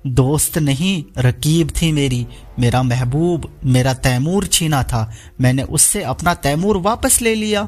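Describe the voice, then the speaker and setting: A man's voice: on the high side, unhurried, darkish tone. A man voicing a scheming young woman villain who talks in a sneering, taunting way. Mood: smug scheming.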